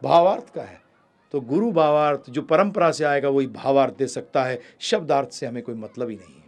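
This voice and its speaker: A man giving a spiritual sermon, animated, swinging from emphatic high calls to low quick asides and addressing listeners as "prabhu ji". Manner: ends with devotional sung calls. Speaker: spiritual teacher.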